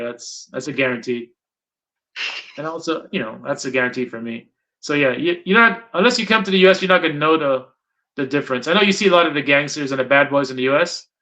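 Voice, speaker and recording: This middle-aged Guyanese man, an interviewer who hosts the channel, has a medium-pitched, sharp-toned voice. He chats casually, rambling and repeating his points for emphasis, and the recording has a dull lo-fi quality.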